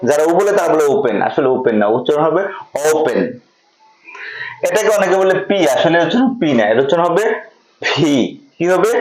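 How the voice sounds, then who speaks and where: A man with a slightly high voice teaches a classroom lesson, drilling each point by asking a question and then answering it himself. His voice rings in an echoey room. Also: darkish tone. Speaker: English pronunciation teacher.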